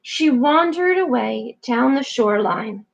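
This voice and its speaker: Brief: woman teacher, slow, expressive storybook reading for kids. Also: on the high side, gravelly, highs cut off. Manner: expressive and engaging. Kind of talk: reading a picture book aloud to children.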